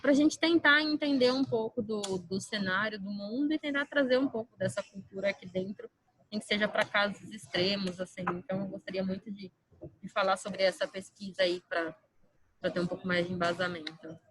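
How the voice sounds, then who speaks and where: A woman's voice: mid-range voice, brisk, noisy background. A Brazilian woman speaks in a medium register. She explains her workplace view as a participant in an online discussion. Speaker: company employee, roundtable participant.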